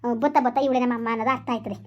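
A woman's voice: fairly high pitch, fairly even intonation, very fast, highs cut off, close to an everyday voice. A woman playing a blunt old village grandmother who comforts with brusque scolding. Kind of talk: village family skit acting.

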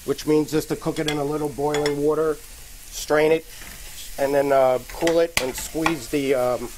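A middle-aged man, a restaurant chef, explaining a cooking demonstration step by step in a relaxed way with many fillers. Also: fairly high pitch, normal speed, slight background noise. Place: TV studio kitchen by a sizzling stove.

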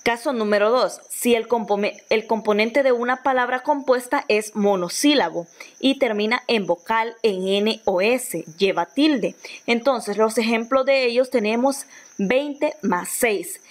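A woman's voice: a little high, measured pace. A Honduran woman teacher giving a recorded grammar lesson, patient, often repeating and restarting phrases as she explains. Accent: Honduran Spanish.

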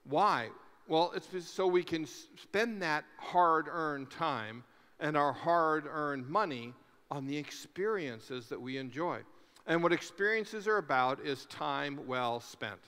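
A man's voice: a little high, takes it slowly, fairly bright tone, smooth. A middle-aged man giving a conference keynote on a large stage through a headset mic, emphatic and fond of rhetorical questions and repeated lists. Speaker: keynote speaker. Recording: long hall reverb.

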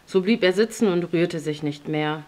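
A woman narrating a novel as an audiobook reader in a steady, plain storytelling manner. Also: on the low side, normal speed. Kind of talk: scripted narration.

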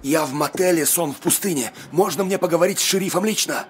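A man's voice: on the high side, quick pace, close to an everyday voice. A man playing an anxious but defiant family man held hostage, in dubbed game drama style. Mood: tense, urgent.

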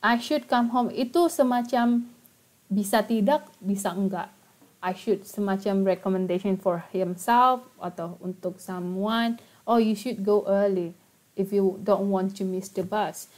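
A woman's voice: mid-range voice, normal speed, a little mellow. A woman with an Indonesian accent teaching English grammar in an online class. She switches between English and Indonesian and keeps asking the students questions. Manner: mixes Indonesian explanations into English, chatty, asks the class questions.

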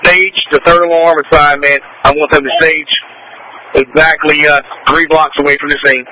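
A man's voice: fairly high pitch, little pitch movement, moderate pace, pushed and bright. A man commanding a fire scene in urgent firefighter radio traffic, giving terse procedural orders over a crackly two-way radio. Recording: crackly, noisy emergency radio channel.

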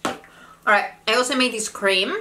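A woman's voice: fairly high pitch, moderate pace. A woman in her thirties chatting casually and giving health advice while eating at a table. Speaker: vlog host and health coach. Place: small room indoors at a table. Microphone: camera a short distance away. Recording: background noise, clinking cutlery and bowls.

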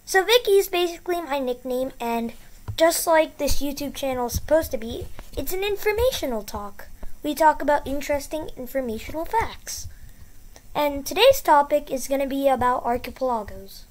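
With a high-pitched, slightly mellow voice and lively intonation, a woman explains a topic at normal speed on her educational channel. She's chatty and encouraging, repeating key words for emphasis.

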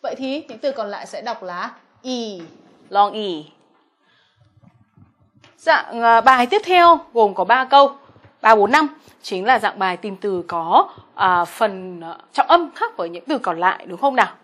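A woman's voice: on the high side, animated, moderate pace, fairly bright tone. A young adult woman teaching English exam answers, speaking Vietnamese and English words with a Vietnamese accent, patient and often checking in with her students. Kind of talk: exam answer walkthrough lesson.

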